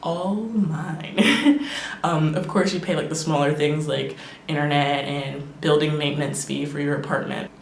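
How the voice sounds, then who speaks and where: A woman's voice: deep voice, flat delivery, moderate pace, creaky. Chatty young woman vlogging in an echoey room. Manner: chatty, many fillers, laughs often. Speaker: English teacher and vlogger. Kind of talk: casual talking-head vlog. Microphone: camera microphone. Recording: echoey room with faint noise.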